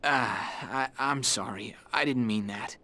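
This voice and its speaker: A man's voice: high-pitched, very animated, normal speed, a bit bright. An actor playing an earnest, anxious young man, hesitant and pleading, in a dramatic game cutscene. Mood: subdued. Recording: close dry voice, faint music.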